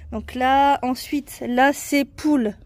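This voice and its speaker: A woman guiding a child through a garden treasure hunt, patient and encouraging, spelling words out slowly letter by letter. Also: high voice, steady tone, a little mellow. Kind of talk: casual family video chat. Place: outdoors in a garden.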